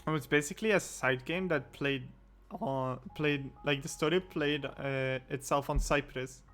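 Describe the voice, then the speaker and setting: A man chats on a podcast in a slightly higher-pitched voice. He talks in a playful, easygoing way. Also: fairly even intonation, unhurried, fairly bright tone. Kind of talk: casual chat.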